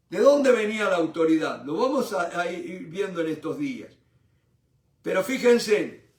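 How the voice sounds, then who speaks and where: Fervent high-voiced preacher, echoey room. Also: male voice, recorded from a distance. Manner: fervent, addresses listeners as brothers. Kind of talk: Bible study sermon.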